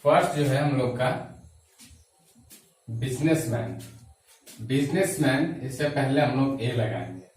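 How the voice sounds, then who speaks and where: A man's voice: mid-range voice, expressive, a little mellow, recorded from a distance, soft background music. Man teaching in an echoey room. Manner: slow dictation of sentences, quick explaining. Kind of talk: classroom lesson.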